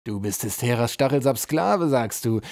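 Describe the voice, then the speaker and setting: A man's voice: medium pitch, expressive, normal speed, vocal fry, darkish tone, dry recording, clean studio sound. A man voicing a cruel goblin general who interrogates a prisoner in a harsh, threatening, relishing tone. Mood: menacing.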